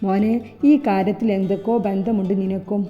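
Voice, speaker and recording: A woman's voice: mid-range voice, flat delivery, a little fast, muffled recording, lightly acted. A woman voicing a watchful middle-aged mother who questions in a probing, suspicious way. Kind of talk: audiobook character voice. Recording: echoey room with faint music.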